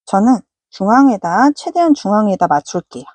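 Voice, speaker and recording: A woman's voice: mid-range voice, lively intonation, brisk, a little mellow, no room sound. A woman giving a patient, polite step-by-step crochet tutorial. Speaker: crochet instructor.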